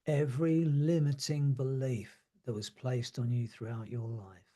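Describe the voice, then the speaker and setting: A man leading a guided hypnosis relaxation, speaking slowly and soothingly and letting his words trail off softly. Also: medium pitch, steady tone. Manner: slow, soothing, drawn-out phrasing with soft trailing words.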